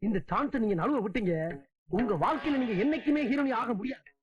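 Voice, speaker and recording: An actor playing a pushy male film agent in a film comedy scene, talking fast and flattering. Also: very high voice, dull audio. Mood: persuasive. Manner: fast, flattering sales talk. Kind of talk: 1990s Tamil film comedy acting.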